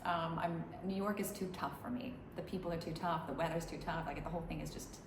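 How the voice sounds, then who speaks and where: This woman, a musician interviewed in a room in Dubai, talks fast in a deep, steady voice, giving long, meandering answers with many restarts in a casual chat. Background noise and room echo are present.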